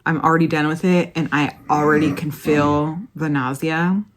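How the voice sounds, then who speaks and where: A woman talking to camera in a casual vlog, soft, tired and halting, with pauses between phrases. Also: sits low, steady tone, slight background noise. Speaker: vlogger.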